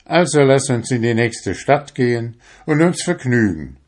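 A man's voice: mid-range voice, big pitch swings, a little slow, pitched above the performer's own voice. A man voicing a heartless male soul that coaxes and commands in a storybook reading. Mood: insistent. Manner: coaxing, insistent.

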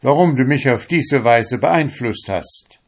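A man's voice: mid-range voice, animated, slow, pitched above the performer's own voice. A man voicing an anguished, defiant young fisherman in a storybook reading, crying out and accusing. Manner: cries out, pleading and accusing.

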